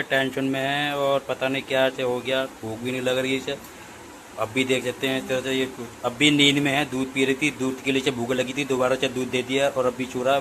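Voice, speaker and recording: A man narrating a casual family vlog, talking softly to the camera as he tends potted plants and watches his sleeping daughter. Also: medium pitch, slight background noise, low-quality recording. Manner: talks softly to camera while working with plants; raises voice into coaxing singsong when talking to his little daughter. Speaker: vlogger, father. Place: home, partly outdoors among potted plants.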